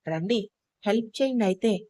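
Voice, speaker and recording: An eager, slightly nervous young man who cooks for the household, as a woman narrator voices him. He speaks softly in a warm, mellow tone, recorded close and dry. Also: medium pitch, normal speed, dry recording, natural voice.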